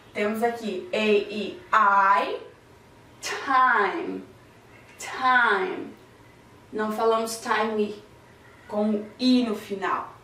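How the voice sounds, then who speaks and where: A woman teaching English vowel sounds, repeating each word slowly to drill the pronunciation. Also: mid-range voice, bright, forceful tone. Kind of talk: slow classroom-style vowel lesson. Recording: roomy echo, voice a bit far from the mic.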